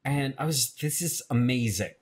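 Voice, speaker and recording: A man's voice: medium pitch, normal speed, breathy edge. A man, a filmmaker guest, talking in a casual interview, often hesitating and repeating words. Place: radio show studio.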